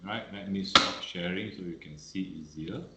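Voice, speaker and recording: A man's voice: low voice, moderate pace, echoey room, very noisy. A man teaching first aid on an online webinar, peppering his speech with "all right" and "okay".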